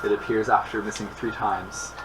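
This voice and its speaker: A man as game master, describing scenes in a relaxed way and chuckling between lines. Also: on the low side, moderate pace, over loud music, poor audio. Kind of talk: narrating a tabletop game.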